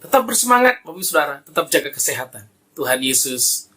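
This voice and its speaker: Husky, forceful male pastor preaching. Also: medium pitch, fast. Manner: emphatic, rising exclamations, often addresses the congregation. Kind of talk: sermon.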